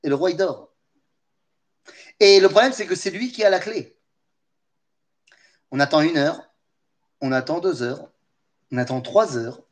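A man giving a lesson as lively storytelling, with humorous asides and questions to his listeners. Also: a little high, measured pace, long pauses. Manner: animated, humorous asides, talks to listeners directly. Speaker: teacher of Torah.

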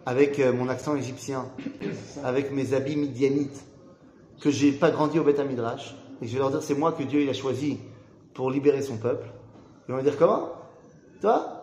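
A man's voice: medium pitch, fairly even intonation, fairly quick, warm tone, reverberant, slight background noise. A man teaching an interactive Torah class, putting questions to the group and acting out the people he quotes.

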